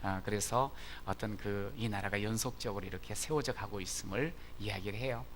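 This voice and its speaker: A male pastor giving a conversational Sunday sermon in a church, with frequent drawn-out "ah" fillers. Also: lowish voice, slight background noise. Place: church sanctuary.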